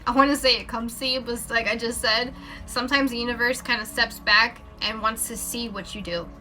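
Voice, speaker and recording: Soft music sits under this adult mother's live spiritual card reading, which rambles casually with lots of fillers and self-corrections. Her voice is a little high and a little fast, steady in tone, pushed and bright.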